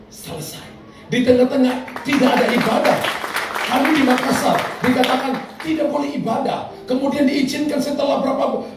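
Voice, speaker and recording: A man from Indonesia, preaching a sermon as a pastor in an animated way, acting out quotes and laughing between lines. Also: very high voice. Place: large church hall. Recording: echoey hall from far off with noise.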